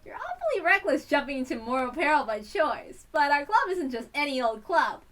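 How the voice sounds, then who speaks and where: A woman's voice: high voice, big pitch swings, moderate pace, a bit bright, distant mic. A woman playing a swaggering, teasing teenage girl who leads a school club, heard a bit off-mic. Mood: challenging. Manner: swaggering, challenging.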